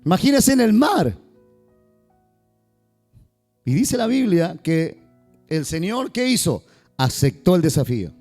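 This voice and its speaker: Male pastor, warm lively sermon delivery, faint guitar underneath. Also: high-pitched, unhurried, pauses often. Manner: lively, joking asides to the congregation.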